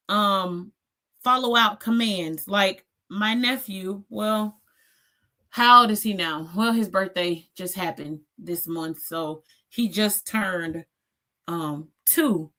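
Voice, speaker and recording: A woman's voice: mid-range voice, takes it slowly, pushed and bright. A woman in her forties hosting a reaction channel, giving blunt, sassy commentary and tagging her points with "okay?".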